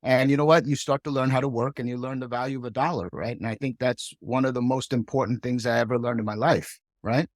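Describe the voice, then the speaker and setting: A man's voice: mid-range voice, fairly even intonation, fast talker, few pauses, dry recording, clean studio sound. A middle-aged man from Hong Kong, a podcast guest, telling his career story in a chatty way and tagging many sentences with "right?". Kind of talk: casual storytelling.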